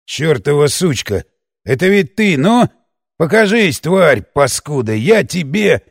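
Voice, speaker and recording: A man voicing a hoarse, cursing captive in an audiobook, furious and frightened. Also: medium pitch, very animated, measured pace, no room sound, studio quality, heavily acted. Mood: angry, scared. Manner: snarling, cursing. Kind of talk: audiobook character voice.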